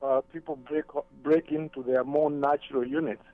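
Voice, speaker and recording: A man from Zambia joins a radio talk show discussion by phone, the line narrow and tinny, the sound dry with no room ambience. He speaks at a moderate pace in a steady, slightly high voice, thinking carefully and frequently repeating words as he collects himself.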